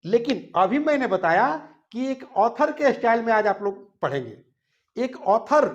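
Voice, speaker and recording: A man teaching a grammar class, spelling out sounds one by one, gently scolding pupils and checking after each point that they follow. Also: high voice. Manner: calls students "beta" and checks "any problem?" after each point. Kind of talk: classroom lesson.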